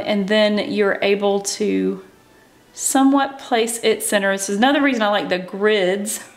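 A woman hosting a craft tutorial, talking casually and chattily as she walks through each step, with frequent ums and "okay, so". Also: mid-range voice. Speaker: craft channel host.

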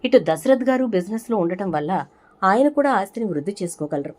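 A woman reading the lines of a middle-aged male lawyer explaining a will in a steady way. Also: mid-range voice, brisk, close to an everyday voice.

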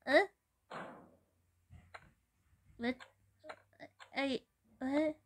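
A woman giving excitable gameplay commentary, exclaiming and giggling as she plays. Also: high-pitched, extremely slow. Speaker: gamer.

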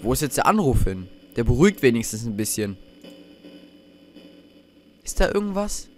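His voice sits at a medium pitch with big swings, and his pace is moderate. He's a young let's play host narrating a horror game, getting jumpy, cursing, and murmuring to himself.

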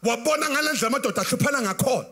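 High-pitched, fast South African preacher. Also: male voice, expressive, sharp tone. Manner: impassioned, half-singing preaching mixing Zulu and English. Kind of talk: sermon. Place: large church tent with a congregation. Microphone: handheld microphone. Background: faint band music.

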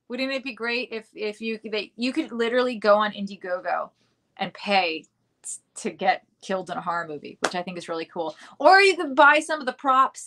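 Bubbly bright-voiced woman chatting live. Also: mid-range voice. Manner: bubbly, giggly, chatty with viewers. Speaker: livestream host, actress. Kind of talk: casual live-stream chat.

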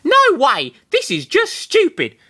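A man's voice: very high voice, huge pitch swings, slow, pushed and bright, voice pushed up, heavily acted. A man voicing a brash, teasing young woman with a pushy manner. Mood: triumphant.

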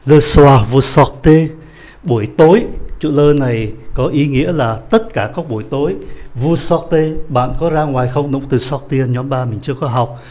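A man teaching a French lesson, patiently explaining a dialogue and slowing down to repeat phrases. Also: mid-range voice, mellow.

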